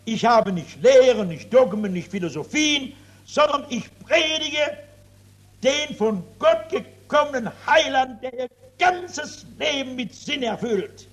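A man preaching an evangelistic sermon to a seated audience, moving from loud exclamations to hushed, drawn-out emphasis and asking his listeners rhetorical questions. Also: very high-pitched, lively intonation.

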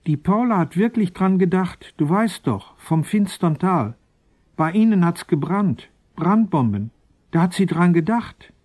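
A man voicing a lively little girl, speaking in a higher, urgent childish way. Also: unhurried. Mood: eager.

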